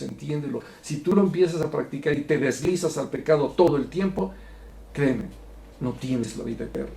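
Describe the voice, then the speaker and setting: A man teaching a Bible study in an earnest, preacherly way, going from soft to emphatic. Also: mid-range voice, vocal fry, a little hiss or hum. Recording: echoey room.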